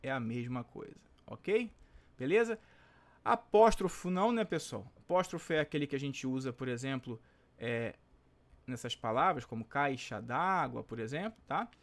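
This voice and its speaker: A man's voice: medium pitch, animated, fairly bright tone. A Brazilian Portuguese-accented male teacher, going through exam questions and checking in with the class after nearly every sentence. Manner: chatty, checks in constantly with tag questions; stretches out example words slowly. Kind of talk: exam-prep lesson solving test questions.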